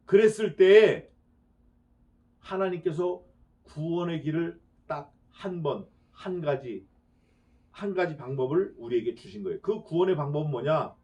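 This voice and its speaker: A high-pitched man preaching an expository sermon from the pulpit. He presses his points with rhetorical questions, dropping to quiet asides and then rising to loud, emphatic declarations. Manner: dramatizes quoted speech. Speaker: pastor.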